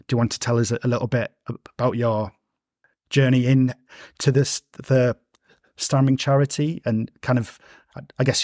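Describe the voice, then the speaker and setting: A man's voice: medium pitch, darkish tone, no room sound, clean studio sound. A man, hosting a podcast interview and speaking with a stammer, repeating sounds and restarting words. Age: 30s. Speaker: podcast host. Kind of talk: conversational interview.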